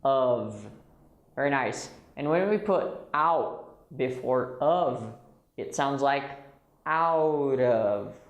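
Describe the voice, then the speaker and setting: A man leads a pronunciation drill at a very slow, deliberate pace. He repeats single words and breaks them apart patiently. His voice is mid-pitched and rings in an echoey room. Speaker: English pronunciation teacher.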